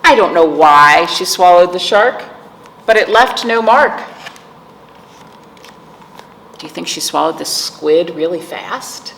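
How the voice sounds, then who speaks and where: A woman with a fairly low, slightly bright voice reads aloud to young children at storytime, expressive and measured in pace. As a children's librarian hosting the session, she uses a sing-song delivery and asks her listeners questions. The recording has an echoey, reverberant room sound with clearly audible background noise.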